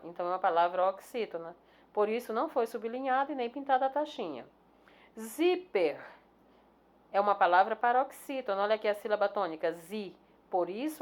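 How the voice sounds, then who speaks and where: A woman, a primary school teacher in a recorded lesson going through corrected exercises, patient, drawing out key words and checking in with "né?" and "certo?". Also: medium pitch.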